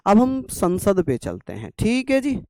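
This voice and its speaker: A man's voice: sits high, huge pitch swings, a little slow, darkish tone, no echo. A young man teaching an exam-prep class through a sore throat, coaxing and scolding students to write notes. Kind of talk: online exam-prep lecture.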